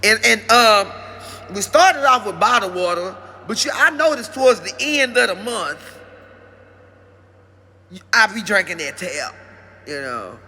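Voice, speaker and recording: A man's voice: high-pitched, big pitch swings, measured pace, long pauses, bright, forceful tone, exaggerated voice. A man voicing an indignant male service dog who complains at length that he is not paid. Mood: smug. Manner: aggrieved, complaining, long-winded.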